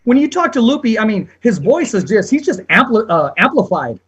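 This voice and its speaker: A man's voice: high voice, sing-song, fairly quick, a bit bright, husky, dull audio. A middle-aged man hosting a casual interview over a video call. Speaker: interview show host. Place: small room at home, indoors.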